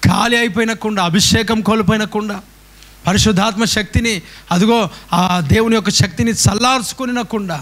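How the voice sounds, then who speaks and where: A man with a high voice preaches to his congregation. He repeats his lines and throws question after question at the listeners, calling for their answers. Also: steady tone, moderate pace, a bit bright. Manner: repetitive, rhetorical questions to the congregation. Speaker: pastor. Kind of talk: call-and-response sermon.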